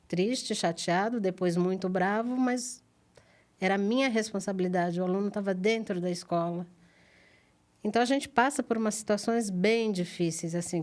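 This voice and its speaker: A woman's voice: mid-range voice, darkish tone. A woman, a school owner speaking as a podcast guest in casual interview chat, earnest and explaining.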